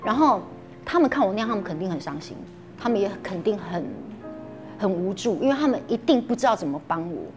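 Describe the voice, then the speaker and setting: A woman's voice: medium pitch, animated, fast, soft background music. A woman from Taiwan with a Taiwanese Mandarin accent, speaking candidly in an interview and often voicing her own harsh inner thoughts. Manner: candid, self-reproaching, quotes her own thoughts aloud. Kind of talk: emotional personal recollection.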